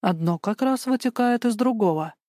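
A woman voicing a young female police captain who questions in a cautious, measured way, in an audiobook. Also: a little high, expressive, mellow, no echo, studio quality, close to an everyday voice. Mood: wary. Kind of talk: audiobook character voice.

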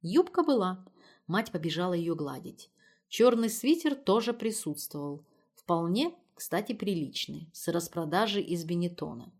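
A woman reading an audiobook in an even storytelling manner. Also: lowish voice, moderate pace. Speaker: audiobook narrator. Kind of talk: scripted narration.

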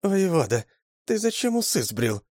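A man voicing a drunken, loud woman who slurs and shouts. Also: sits high, very animated, unhurried, dry recording, clean studio sound, voice pushed up, exaggerated voice.

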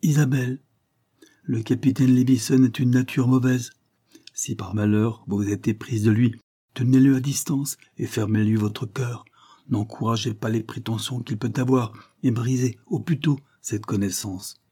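A man voicing a stern, blunt older earl who questions pointedly, in a husky voice. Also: mid-range voice, fairly even intonation, moderate pace, mellow. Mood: stern, probing. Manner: pointed, questioning, rising emphasis.

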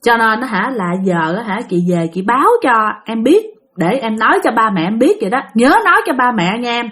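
A woman voicing a kindly young female ghost who speaks softly and hesitantly, with pauses and fillers. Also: a little high, animated. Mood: gentle.

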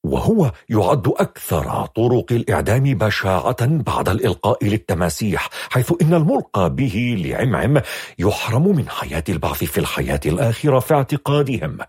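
Guy reading a dark fantasy audiobook, husky, lively pitch, dry close mic. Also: fairly quick, no echo. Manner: dramatic storytelling. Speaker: narrator. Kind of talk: audiobook narration.

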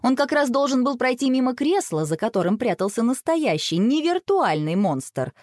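A woman narrates a children's story in an expressive, animated voice. Her pitch moves a lot. The sound is close and dry. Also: normal speed, dry recording.

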